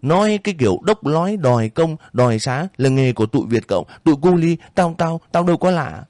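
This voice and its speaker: Man doing a shrill older woman, stingy and cruel, high, swooping scolding voice, storybook audiobook. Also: lively intonation, brisk, a little mellow, no echo, clean studio sound, lightly acted. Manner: shrill scolding, then frantic pleading. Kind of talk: audiobook reading.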